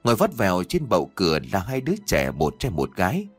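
A male host reads a scripted horror story in a measured, dramatic way. His voice sits fairly low and rises and falls with great liveliness. Faint music runs in the background. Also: wildly swooping pitch, breathy edge.

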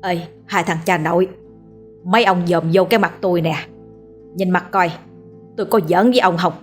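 A woman's voice: lowish voice, steady tone, normal speed, soft background music, lightly acted. A woman doing a slurring drunk old man. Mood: grumbling. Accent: Southern Vietnamese. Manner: slurred, indignant.

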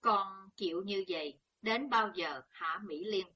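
A woman's voice: medium pitch, a little slow, highs cut off, slight background noise, natural voice. A woman voicing a worried older peasant mother who scolds anxiously. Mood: alarmed.

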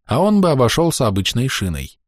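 A man reading a fantasy novel aloud as audiobook narrator, in a steady storytelling manner. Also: medium pitch, brisk, no echo, studio quality. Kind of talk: scripted narration.

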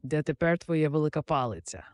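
A man's voice: a little high, expressive, brisk, clean tone, no room sound, natural voice. A fretful, doting old nanny with a raised, fussing voice, scolding her charges in an audiobook story, as a male narrator puts her on. The reading is close and dry, with no room sound. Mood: triumphant.

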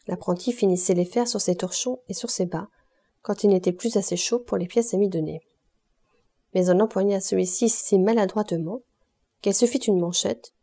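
Mellow-voiced woman reading a novel. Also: mid-range voice, husky. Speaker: audiobook reader. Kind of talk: scripted literary narration.

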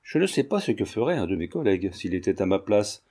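A man voicing a principled investigating judge who speaks in a formal, measured way, in a storybook reading. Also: lowish voice, sing-song, dark tone, husky.

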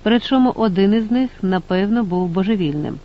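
A man voicing a calm, reserved traveller who answers evasively. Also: high-pitched, a little fast, highs cut off, close to an everyday voice.

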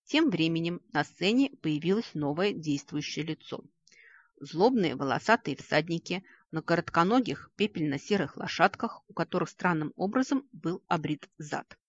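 Husky reader narrating a fantasy audiobook. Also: medium pitch, normal speed, no room sound, lo-fi sound. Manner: lively, ironic first-person narration.

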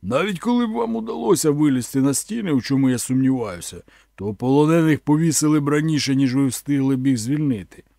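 A man reading an audiobook, voicing a gruff, commanding barbarian warrior who shouts and bellows. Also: medium pitch, expressive, fast talker, no echo, studio quality. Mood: angry shouting.

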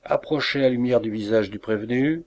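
A man's voice: medium pitch, brisk, close to an everyday voice. A man voicing a jovial, bossy patrol sergeant who jokes and barks orders, in a storybook reading. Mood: brisk. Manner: jocular, barking orders.

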